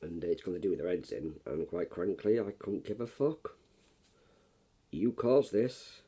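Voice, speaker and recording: A middle-aged man, hoarse and coughing after just waking up, giving a rambling, blunt, swearing early-morning rant. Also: low voice, expressive, brisk, mellow. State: hoarse, coughing, frog in throat. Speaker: YouTuber.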